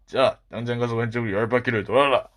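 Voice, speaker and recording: A man voicing a huge, mean castle master in a children's storybook, speaking slowly, low and mocking. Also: steady tone, a bit bright, natural voice. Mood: taunting.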